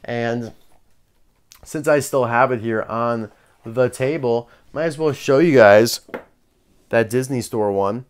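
A man's voice: mid-range voice, slow pace, long pauses, clean tone. A man chatting casually as he unboxes and reviews collectible toy cars, candid and dryly sarcastic.

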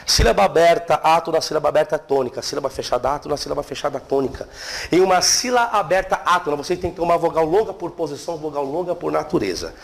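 Guy teaching theology class, high animated voice, keeps quizzing students. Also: quick pace, vocal fry. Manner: lively, questions the class, stresses terms. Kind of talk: classroom lecture. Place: seminary classroom.

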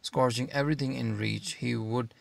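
A man narrating an audiobook in a steady, measured reading. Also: medium pitch, vocal fry, dry recording.

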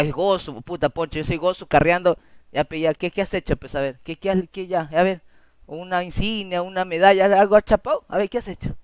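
Animated Peruvian streamer, high lively voice. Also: male voice, clear, resonant tone, no echo. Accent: Peruvian Spanish. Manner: animated, slangy, laughs a lot. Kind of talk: casual storytelling to chat.

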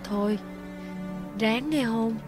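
Gruff kindly old servant. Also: female voice, on the high side, takes it slowly, loud music behind the voice. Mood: gruff, soothing. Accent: Southern Vietnamese. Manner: blunt, scolding yet soothing. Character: older woman servant, gruff but kindly, scolding. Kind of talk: TV folk-tale drama acting.

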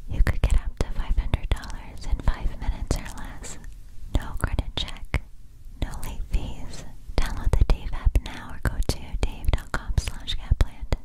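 A young woman softly whispering a scripted ASMR sponsor read in a breathy, unvoiced voice, enunciating carefully. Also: low-quality recording. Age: young adult. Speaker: ASMR creator.

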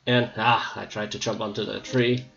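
A man's voice: lowish voice, flat delivery, normal speed, gravelly, fairly bright tone, highs cut off. A man giving casual, rambling gameplay commentary with a slightly scratchy voice, hesitating often with ums. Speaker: gameplay video maker.

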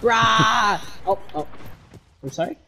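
A young woman streaming a game, trash-talking an opponent with excitable shrieks and laughter. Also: lowish voice, takes it slowly, heavy background noise. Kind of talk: live gameplay commentary.

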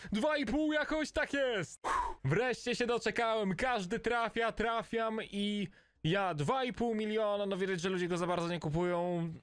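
Male gamer, very high voice, upbeat price chatter. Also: a little slow, a bit bright, smooth, no room sound. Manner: upbeat, talks through card prices. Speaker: gaming YouTuber. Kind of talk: pack-opening commentary.

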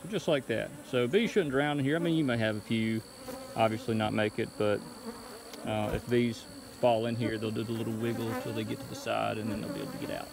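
A man's voice: lowish voice, brisk, creaky, background noise. Man explaining beekeeping outdoors, bees buzzing. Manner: relaxed, explaining step by step. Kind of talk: casual how-to vlog. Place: outdoor bee yard. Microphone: phone camera held while working. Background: insects buzzing outdoors.

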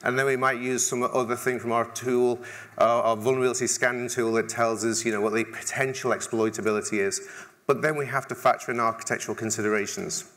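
A middle-aged man from England speaks fast at a conference keynote on a large stage, his mid-range voice fairly bright and fairly even in intonation. He keeps things conversational and dryly funny, frequently restarting his sentences.

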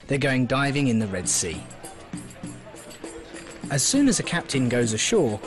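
Lively male documentary narrator, music behind. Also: mid-range voice, measured pace. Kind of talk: scripted narration.

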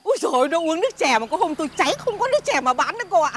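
A high-voiced, gossipy tea-stall seller. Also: female voice, sing-song, very fast, a little hiss or hum. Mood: gossiping. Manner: chatty, gossiping.

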